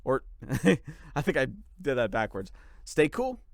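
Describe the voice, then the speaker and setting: A channel creator gives his followers a casual update, sounding gushing, grateful and informal. His voice is clear and smooth at medium pitch, with huge swings in pitch and a measured pace. The recording is studio quality with no echo.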